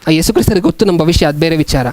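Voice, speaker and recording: Pastor guy preaching, fairly high voice, keeps asking the crowd questions, dry close sound. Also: darkish tone, no room sound. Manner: asks the congregation many questions, reads scripture slowly. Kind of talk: sermon.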